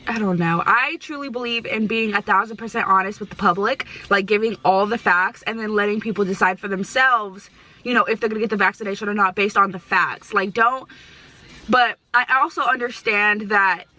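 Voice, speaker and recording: A woman's voice: mid-range voice, fairly quick, bright, forceful tone, poor audio. A young woman chatting casually as a vlogger in slangy, sweary, emphatic stoner talk, often repeating herself. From United States. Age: young adult. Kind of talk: casual chat to camera.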